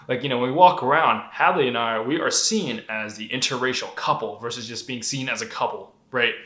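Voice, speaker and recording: In an echoey room, a young male vlogger who grew up in Denver, Colorado tells animated stories with candor and lots of swearing. His voice is medium in pitch and his delivery brisk.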